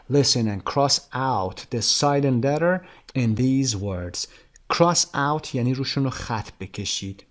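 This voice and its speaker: A man with a Persian accent teaching an English lesson. He says English words slowly and carefully, then explains them in quick Persian. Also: on the low side. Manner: switches between careful slow English examples and quick explanations. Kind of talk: recorded language lesson.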